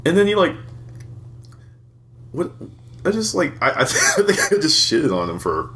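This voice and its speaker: A man's voice: on the high side, wildly swooping pitch, unhurried, sharp tone, a little hiss or hum. A man in his twenties co-hosting a podcast, telling crude stories in a rambling, casual way and laughing often. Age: 20s. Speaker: podcast co-host. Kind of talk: casual chat.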